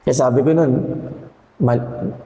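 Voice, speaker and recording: A hoarse man sharing candidly at a church fellowship, self-deprecating and laughing often. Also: mid-range voice, fairly even intonation, slow, mellow. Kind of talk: casual faith chat. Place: church hall. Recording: echoey hall with long reverb.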